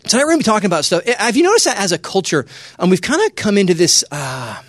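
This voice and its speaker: Animated high-voiced man giving a youth talk. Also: racing, no room sound, studio quality. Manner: animated, joking, often hushing and resetting the crowd. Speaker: youth speaker. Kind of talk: lively talk to a young audience.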